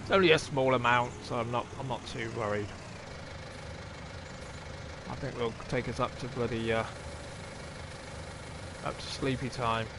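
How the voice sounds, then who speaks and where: This is casual stream chatter from a man playing a farming game, who thinks aloud, talks to his viewers and curses offhandedly. He speaks at a medium pitch with fairly even intonation, taking his time and leaving long pauses, over background noise.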